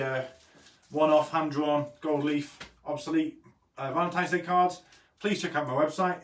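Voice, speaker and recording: A man chatting casually as he hosts a live drawing lesson, easygoing in manner, pronouncing his r sounds like w. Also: on the high side. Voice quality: says w for r. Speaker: host of an online drawing lesson. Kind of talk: casual live-stream chat while drawing. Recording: roomy echo, distant mic, faint noise.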